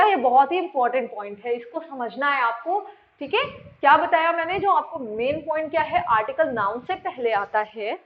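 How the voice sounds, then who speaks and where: High-voiced woman teaching a grammar lesson. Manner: repetitive, quizzing students with questions. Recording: dull lo-fi sound.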